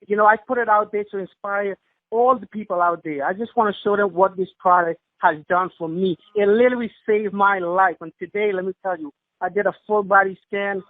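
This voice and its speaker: A man's voice: high-pitched, steady tone, fairly quick, no room sound. A man calling in on a phone line to give a fervent, emotional testimonial, with repeated emphatic phrases. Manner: fervent, repetitive, preacher-like emphasis. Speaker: caller giving a testimonial. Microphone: telephone.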